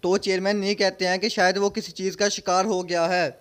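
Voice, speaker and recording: A man narrates an anime plot in a relaxed, chatty way. His voice sits high and stays fairly even in pitch. Now and then he breaks off to make sarcastic remarks about the characters. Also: fairly quick, clean tone. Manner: retells dialogue in third person, adds sarcastic comments. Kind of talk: casual storytelling recap with joking asides.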